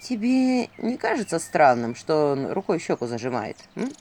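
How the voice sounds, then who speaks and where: A woman's voice: low-pitched, very animated, normal speed, a little mellow. A woman voicing a grumpy, jealous male owl sidekick with a grumbling, sardonic manner.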